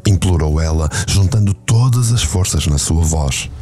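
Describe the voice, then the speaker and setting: A man narrating a novel as an audio drama, telling it in a measured, dramatic way. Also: low-pitched, lively intonation, mellow, faint music behind.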